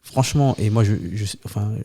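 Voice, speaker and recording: Mellow male podcast host. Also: lowish voice, a little fast. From Switzerland. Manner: encouraging, frequent backchannel ouais, hesitant fillers. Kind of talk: casual interview chat.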